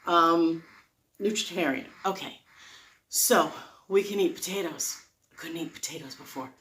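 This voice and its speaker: A woman's voice: fairly low pitch, unhurried, fairly bright tone, slight background noise. A woman talking casually and off the cuff, rambling into tangents as she earnestly and emphatically explains her advice. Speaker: vlogger sharing diet advice. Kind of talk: casual unscripted explanatory monologue.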